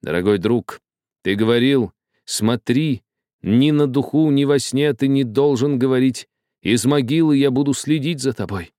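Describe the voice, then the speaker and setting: A man voicing a frightened, trembling old male doctor who talks in a shrill, agitated and pleading way. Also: moderate pace, mellow, dry recording, studio quality, natural voice. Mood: grave.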